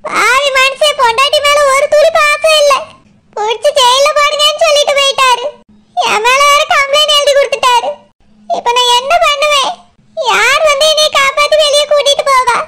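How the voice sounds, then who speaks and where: A woman's voice: very high voice, steady tone, normal speed, sharp tone. A woman voicing a middle-aged village mother, locked in jail, who sobs and pleads with a Tirunelveli Tamil accent. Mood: lamenting. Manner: wailing, pleading, sobbing. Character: jailed village mother, middle-aged, sobbing, self-pitying. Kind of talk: cartoon voice acting.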